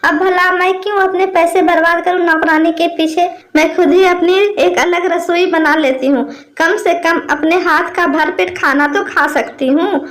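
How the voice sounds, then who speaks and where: A woman voicing a sharp-tongued, scolding mother-in-law in a storybook tale, full of taunts and name-calling. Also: very high voice, steady tone, normal speed, few pauses. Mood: scornful.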